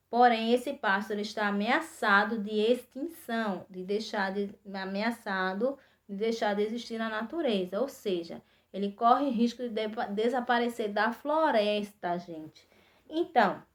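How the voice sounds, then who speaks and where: A Brazilian woman teaching an arts class to young children, patiently explaining steps and often checking in with the kids. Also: a little high. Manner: patient, repeats instructions, frequent "tá?" checks. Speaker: primary school arts teacher.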